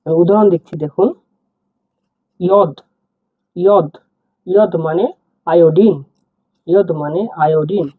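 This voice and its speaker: A man's voice: sits high, brisk, dry recording. A man teaching an alphabet lesson, repeating each word and its meaning patiently. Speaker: language teacher. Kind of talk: slow spoken alphabet lesson. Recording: tinny phone-like sound.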